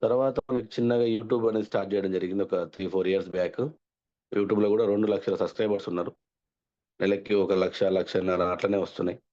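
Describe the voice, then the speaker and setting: Fast-talking man. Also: lowish voice, fairly even intonation, mellow. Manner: chatty, rambling, self-correcting. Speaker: speaker sharing success story. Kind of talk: casual storytelling. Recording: dull lo-fi audio.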